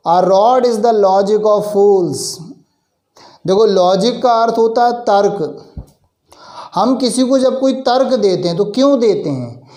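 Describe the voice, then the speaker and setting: Slow, high-voiced man teaching English phrases. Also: a little mellow, echoey room. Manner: explains patiently, asks the class questions and answers them himself; reads English phrases out slowly and deliberately. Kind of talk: Hindi-medium English lesson.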